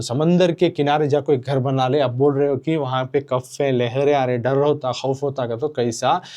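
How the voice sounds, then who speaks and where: Male teacher, slightly high voice, patient repetitive classroom explaining. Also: darkish tone. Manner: explains slowly, repeats phrases, mixes in English.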